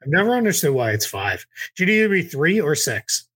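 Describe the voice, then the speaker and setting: A man's voice: a little high, very animated, a little fast, fairly bright tone, breathy edge, dry recording. A man from Massachusetts co-hosting a podcast, chatting casually about basketball from his home office, rambling with lots of fillers and laughs. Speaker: podcast co-host. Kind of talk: casual sports chat.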